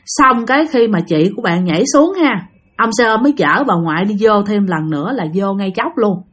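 A woman telling a spooky tale casually, animated and talking straight to her listeners. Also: mid-range voice, a little fast. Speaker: storyteller.

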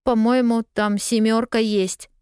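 A woman's voice: on the high side, flat delivery, a little slow, a little mellow, clear, resonant tone, no echo, studio quality, pitched above the performer's own voice, natural voice. A woman voicing a lost young girl who is tearful yet stubbornly cheerful, talking in an eager, pleading way.

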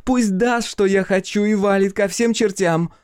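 Man doing a drunk, shrill young brawler woman. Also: fairly even intonation, normal speed, darkish tone, clean tone, no room sound, studio quality, close to an everyday voice. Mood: taunting. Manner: shrill, mocking, slurred taunts.

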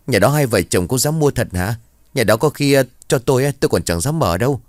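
A man's voice: mid-range voice, animated, a little fast, no echo, studio quality, pitched above the performer's own voice, natural voice. A man voicing a superstitious middle-aged village neighbor who gives hesitant, gossiping warnings. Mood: uneasy.

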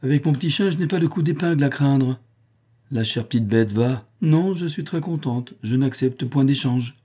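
A man's voice: mid-range voice, moderate pace, slightly rough, pitched above the performer's own voice, natural voice. A man voicing a cheerful, smug young maid in a read-aloud novel. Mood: pleased. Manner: lively, pleased.

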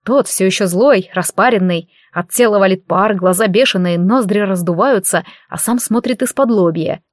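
A woman's voice: medium pitch, moderate pace, no room sound, clean studio sound. Woman narrating a fantasy audiobook. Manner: lively, expressive storytelling.

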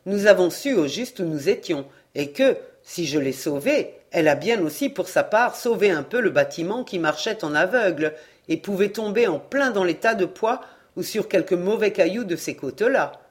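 A woman's voice: on the low side, moderate pace, lightly acted. A woman reading a novel aloud, voicing a cheerful young sailor who tells his tale eagerly. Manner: lively, cheerful, exclaiming.

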